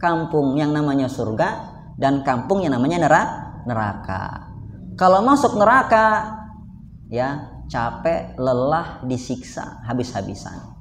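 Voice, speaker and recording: An Islamic preacher with a fairly high, animated voice delivers a casual, joking sermon a little slowly to a live congregation, often speaking to his listeners directly. The sound is from an echoey hall with faint background noise.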